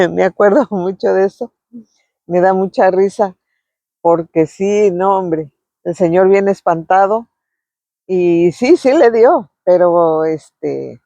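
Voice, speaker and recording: Unhurried woman telling old stories. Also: medium pitch, warm tone, no room sound, highs cut off. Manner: unhurried, fond, full of filler words. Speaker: vlogger sharing memories. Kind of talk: casual reminiscing storytelling.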